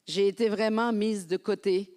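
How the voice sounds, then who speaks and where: A woman's voice: mid-range voice, normal speed. Woman preaching in an echoing hall. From France. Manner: lively, conversational preaching. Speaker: pastor. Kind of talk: sermon. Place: church sanctuary. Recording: long hall reverb.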